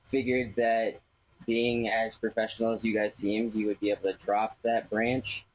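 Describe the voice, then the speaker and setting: A man's voice: fairly low pitch, little pitch movement, normal speed. A man talking insistently and with annoyance in a confrontational doorstep conversation, picked up by a doorbell camera speaker. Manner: aggrieved, insistent. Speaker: homeowner's son complaining to tree workers. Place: outdoors at a house doorstep. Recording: muffled noisy doorbell camera speaker audio.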